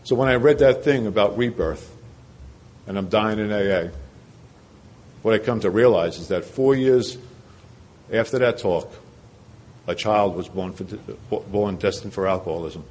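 A man's voice: lowish voice, measured pace, long pauses, a little mellow. Earnest New man telling his story. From New Jersey. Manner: earnest storytelling with rhetorical questions and repetition. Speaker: recovery speaker. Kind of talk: personal recovery story told to a meeting.

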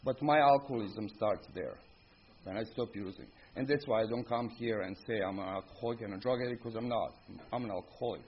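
Speaking fairly quickly, a middle-aged man with a Croatian accent gives a candid recovery testimony at an Alcoholics Anonymous meeting, telling his story informally in blunt, punchy sentences. The live recording is dull and lo-fi, with clear background noise.

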